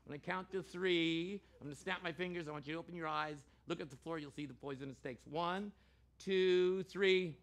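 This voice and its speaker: A man working as a stage hypnotist in a live show, giving deliberate, commanding countdowns and repeated suggestions. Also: on the high side, vocal fry. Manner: shouts excited commands to start the action.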